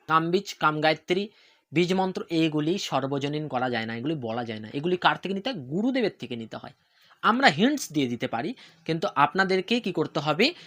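A devotional teacher walks through a ritual step by step with a bright, ringing tone. They pose a question, answer it, and repeat the key points so nothing is missed. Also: medium pitch. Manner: asks rhetorical questions and answers them. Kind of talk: instructional talk on worship ritual.

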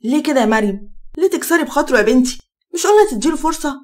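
A caring middle-aged mother in an animated storybook, soothing and coaxing, with an Egyptian accent, as a woman puts her on. Her voice runs high and brisk.

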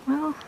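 Walking through her backyard garden, a woman gives a casual, relaxed tour, admiring what she sees and thinking aloud with a few fillers. Background noise can be heard.

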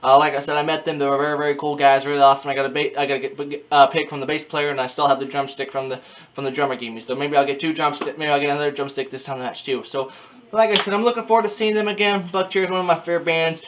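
A man's voice: fairly high pitch, little pitch movement, rapid-fire, fairly bright tone, a little hiss or hum. A man in his early twenties rambling casually to his webcam in a small bedroom, with frequent restarts and repeated filler phrases. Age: early 20s. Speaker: vlogger. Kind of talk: casual talking-head vlog.

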